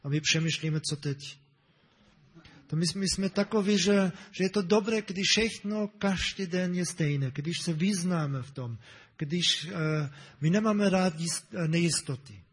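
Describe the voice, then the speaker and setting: A man preaching a sermon in a relaxed, conversational way, with many fillers and restarts, often checking in with his listeners. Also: high-pitched, husky, big-room sound. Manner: asks the congregation "ne?".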